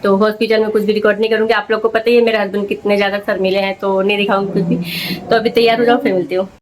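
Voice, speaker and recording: A woman's voice: mid-range voice, little pitch movement, rapid-fire, slight background noise. A young woman, a mother, chatting casually to camera in a home vlog and telling her story with lots of fillers. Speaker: vlogger, mother.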